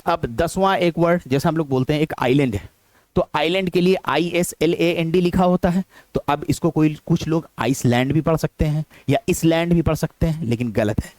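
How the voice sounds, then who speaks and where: A young adult man with an Indian accent, teaching an English pronunciation lesson and repeating each word slowly for practice. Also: a little high, darkish tone, dry recording. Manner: explanatory, repeats words slowly for drills. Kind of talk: classroom-style pronunciation lesson.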